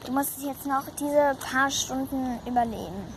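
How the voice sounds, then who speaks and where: A woman's voice: high-pitched, moderate pace, slight background noise, close to an everyday voice. Woman voicing a patient coaxing horse. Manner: coaxing, reassuring.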